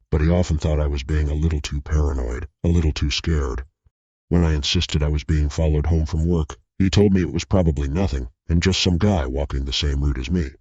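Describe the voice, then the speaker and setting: A man narrating a scripted horror story in a steady, tense way. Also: extremely low pitch, breathy edge, no echo. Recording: dull lo-fi recording.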